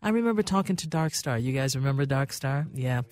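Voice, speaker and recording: An older woman who hosts a radio talk show warmly reminisces about how she first got on air, acting out other people's voices as she tells her anecdotes. Her bass voice is animated and brisk. She's recorded on a studio microphone with no echo.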